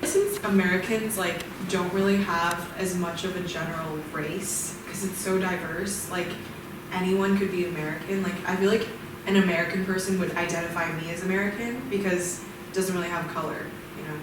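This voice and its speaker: A woman's voice: fairly low pitch, steady tone, normal speed. A young woman student sharing her views in a casual group discussion, thoughtful and full of fillers. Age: young adult. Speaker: student participant. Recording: echoey room, distant mic, background noise.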